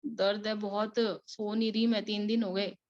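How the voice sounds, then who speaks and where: A woman's voice: mid-range voice, little pitch movement, moderate pace, darkish tone, dry recording, lightly acted. A woman voicing a shy young housemaid who gives short, mumbled replies. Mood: mumbling in pain. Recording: dull, dry recording.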